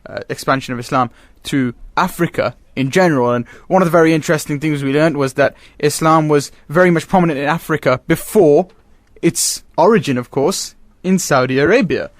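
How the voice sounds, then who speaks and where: Radio host: a man with a slightly high voice, measured recaps, dry studio sound. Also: dry recording. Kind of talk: radio discussion.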